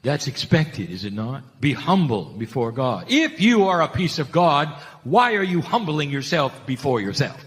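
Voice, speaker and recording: Male spiritual channeler, slightly high voice, emphatic and repetitive, recorded with long hall reverb. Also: sing-song, moderate pace, hardly any pauses. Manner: emphatic, rhetorical questions, repeats key phrases. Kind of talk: channeled spiritual talk to an audience.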